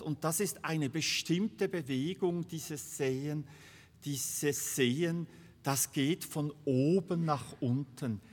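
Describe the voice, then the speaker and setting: A man preaching a sermon in a slow, deliberate way, repeating key words for emphasis. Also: a little high. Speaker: pastor. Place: church. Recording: long reverb of a church hall.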